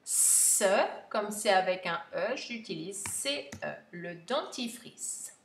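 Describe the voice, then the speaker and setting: A woman teacher giving a slow spelling dictation, stretching each word and spelling it out letter by letter. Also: medium pitch, expressive, a little hiss or hum. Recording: echoey room.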